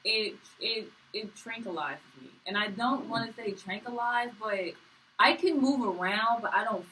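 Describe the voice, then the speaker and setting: A woman's voice: a little high, normal speed, pushed and bright, slight background noise. A woman founder of a wellness business, answering interview questions in an earnest, plainspoken way. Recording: distant mic with faint music behind.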